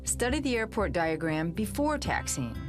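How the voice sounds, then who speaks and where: A woman's voice: mid-range voice, big pitch swings, normal speed. A woman presenting a scripted safety video as narrator. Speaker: presenter, pilot. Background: music.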